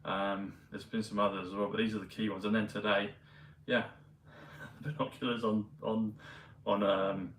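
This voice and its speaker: A man vlogging in a meandering, hesitant casual monologue full of pauses and fillers. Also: on the low side, flat delivery, fairly bright tone, slight background noise. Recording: roomy, mic at a distance, faint ambience.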